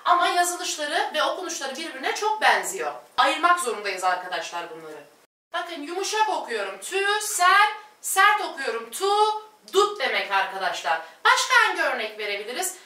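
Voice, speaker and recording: A woman teaching a language lesson at a board, slowly repeating each word pair and addressing her viewers as friends. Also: high-pitched, pushed and bright, distant mic. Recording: echoey room, voice off-mic.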